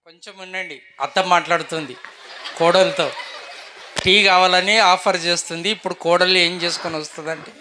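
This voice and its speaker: A man's voice: high-pitched, steady tone, a little fast, bright, forceful tone. Chuckling man behind the camera. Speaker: family vlogger filming children's skit. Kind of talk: casual off-camera commentary. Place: outdoors at a house with a rooftop. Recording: outdoor crowd chatter and noise.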